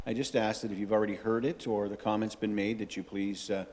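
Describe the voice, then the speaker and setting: A man's voice: on the low side, little pitch movement, fast, darkish tone. Male mayor chairing, courteous, uh-filled; reverberant chamber. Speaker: mayor chairing council meeting. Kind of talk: chairing a public meeting. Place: council chamber. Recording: council chamber with long reverb.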